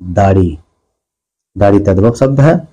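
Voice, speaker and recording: A man's voice: fairly low pitch, animated, measured pace, dark tone, poor audio. A male teacher giving an exam-prep grammar lesson, explaining each answer step by step and answering his own questions. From India.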